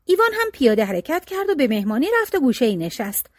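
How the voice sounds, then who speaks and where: A woman storyteller reading a folk tale aloud in an expressive, lilting narration. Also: a little high, dry recording, studio quality.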